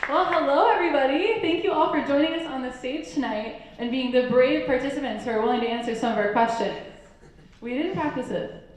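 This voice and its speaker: On stage in a big, echoey event hall with an audience, a female emcee runs a live panel, cheerful and upbeat and laughing a lot. Her voice sits high and moves fairly quickly, with crowd and room noise audible.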